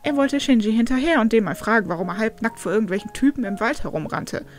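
A woman's voice: on the high side, quick pace, soft background music. Woman reading a story aloud. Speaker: narrator. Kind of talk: reading fan fiction aloud.

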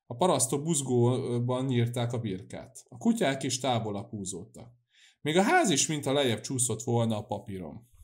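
A man narrating a classic novel in a steady, measured reading voice. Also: mid-range voice. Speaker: audiobook narrator. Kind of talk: scripted narration.

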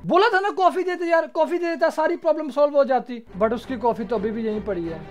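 A man's voice: extremely high pitch, fairly quick, darkish tone. A man giving comic, playful commentary while playing a game, bantering with the characters on screen. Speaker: gaming YouTuber.

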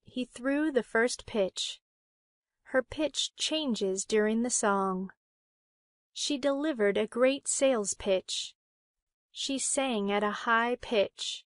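A woman reading vocabulary words and example sentences slowly and plainly. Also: on the high side, no room sound, studio quality. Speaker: vocabulary lesson reader. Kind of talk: slow read example sentences.

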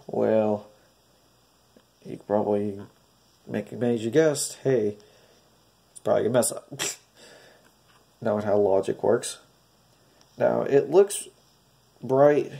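A man's voice: medium pitch, vocal fry, dark tone. A man with a nasal, stuffy voice, hesitantly talking through a DIY painting tutorial step by step and hoping it turns out well. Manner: hesitant, hopeful, talks through each step. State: stuffy, congested. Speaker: craft tutorial host.

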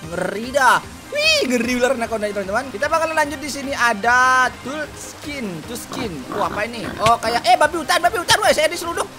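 A woman hosting a gameplay video, commentating loudly and shrieking in mock panic. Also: high-pitched, very animated, brisk. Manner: shrieks and shouts in mock panic, talks to viewers. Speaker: gaming video host. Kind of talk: excited Minecraft gameplay commentary. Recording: loud game music behind.

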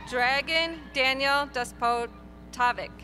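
A woman reading graduates' names one by one at an outdoor graduation ceremony, in a clear, measured announcing manner. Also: high-pitched, bright, forceful tone, soft background music. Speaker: graduation name reader. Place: outdoor stadium ceremony over PA.

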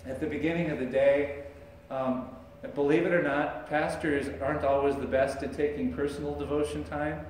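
With a steady, darkish voice on the high side, a middle-aged pastor preaches at a moderate pace with few pauses, speaking conversationally and gesturing. He's captured from a distance by a camera with no visible mic in a large sanctuary, so the audio is echoey with a faint hiss or hum.

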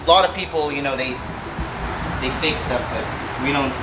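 A man in his thirties hosting a fishing vlog outdoors under a bridge by the water, chatting and joking with bursts of excitement. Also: medium pitch, normal speed, low-quality recording. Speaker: fishing channel host. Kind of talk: casual outdoor vlog chat. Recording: background music under the talk. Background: music.

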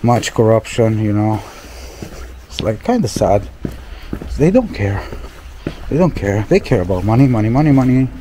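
This young man from Romania is filming a casual travel vlog outdoors in a town street, exclaiming frequently, dropping loose fillers and addressing viewers as "guys." He speaks at normal speed with long pauses in a mellow, on-the-low-side voice that's very animated, over a slight hiss or hum.

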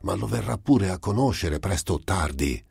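A man's voice: deep voice, animated, normal speed, creaky, a little mellow, slightly rough, dry recording, clean studio sound, voice pushed up, heavily acted. A man voicing an evasive, joking friend. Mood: offhand.

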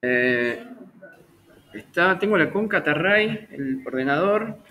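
A man's voice: on the high side, expressive, slow pace, sharp tone. A man teaching a live online programming class, chatty and correcting himself with small jokes at his own slips.

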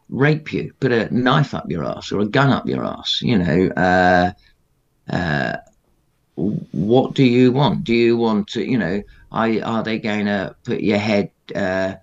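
A man's voice: on the low side, gravelly. A middle-aged man, a former aircrew guest, recounting his experiences in a blunt, matter-of-fact way and swearing freely. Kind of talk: candid interview recollection. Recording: slightly dull lo-fi audio.

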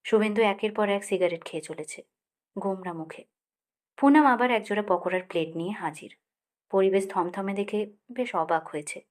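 A woman reading a novel aloud in measured, expressive first-person narration. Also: mid-range voice. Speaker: audiobook narrator. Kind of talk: literary audiobook narration.

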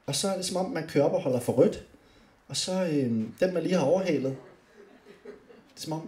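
A young man doing stand-up comedy on a club stage, animated and often shouting his punchlines. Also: on the high side. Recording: roomy club with faint noise.

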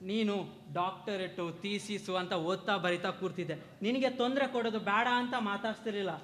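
A man's voice: high-pitched, fairly quick, a bit bright. A man acting a remorseful husband in a stage drama, pleading and defensive.

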